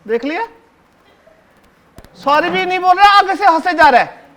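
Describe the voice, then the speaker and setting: A man's voice: extremely high pitch, lively intonation, measured pace, a little hiss or hum, full character voice. A male actor performing a one-man stage play as a talkative seventh-grade schoolboy who bosses his classmates and fawns over his teacher. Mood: bossy, tattling. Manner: bossy, chatty, keeps hushing and ordering classmates; fawning toward the teacher, repeats "sir" constantly. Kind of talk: live solo stage acting, addressing the audience.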